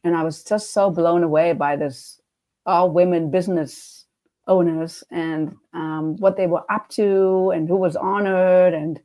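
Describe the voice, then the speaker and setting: A woman's voice: lowish voice, fairly even intonation, unhurried, warm tone. A woman with a German accent hosting a casual interview, chatty and often restarting her sentences. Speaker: podcast host and coach.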